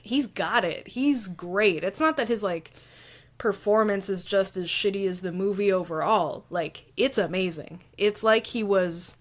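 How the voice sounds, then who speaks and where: Female podcast guest, casual and chatty, filler-heavy delivery. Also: mid-range voice. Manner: chatty, many fillers, laughs often. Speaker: podcast guest, dungeon master.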